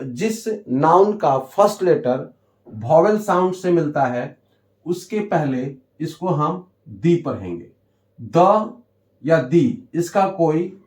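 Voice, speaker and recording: Male teacher, high voice, unhurried explanations, echoey classroom sound. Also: warm tone. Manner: slow, deliberate, repeats key terms. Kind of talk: explaining English grammar lesson. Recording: echoey room.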